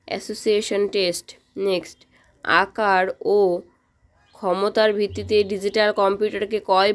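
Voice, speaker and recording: A woman teacher, reading exam questions and options aloud, then explaining each answer and often checking in with the students. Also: mid-range voice. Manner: reads questions then explains answers, repeats "ঠিক আছে?". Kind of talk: exam practice lesson.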